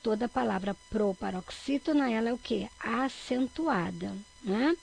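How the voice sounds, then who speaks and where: A Brazilian woman teaching a recorded grammar lesson for children, her fairly high voice rough with gravel and a husky edge. She stretches key words out loud to mark the stressed syllable and keeps checking in with her young listeners. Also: moderate pace, poor audio. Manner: checks in with frequent "tá bom?".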